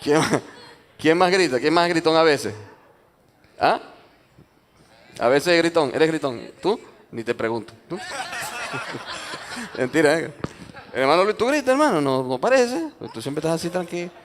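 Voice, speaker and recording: A man's voice: fairly high pitch, sing-song, unhurried, pauses often, slight background noise. A man, a pastor preaching a sermon in church, joking with and teasing his congregation. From Venezuela.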